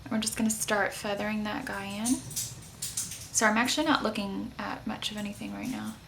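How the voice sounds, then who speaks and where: Female makeup tutorial host, informal step-by-step chat, noticeably creaky delivery, slight noise behind. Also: mid-range voice, level tone, a little fast, a bit bright. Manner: chatty, informal, explaining each step.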